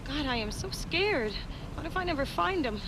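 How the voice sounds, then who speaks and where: A woman's voice: high voice, lively intonation, moderate pace, background noise. An actress playing an anxious, middle-aged single mother, emotional and fretful. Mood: fearful, sad. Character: anxious, pleading single mother searching for her son.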